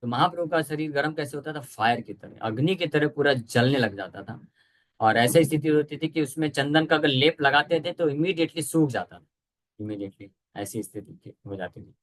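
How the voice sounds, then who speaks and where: Male lecturer, slightly higher voice, casual explaining style, devotional talk. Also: animated, low-quality recording. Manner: explains in conversational Hindi mixed with English words, chants verses slowly. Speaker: speaker giving a scripture lecture.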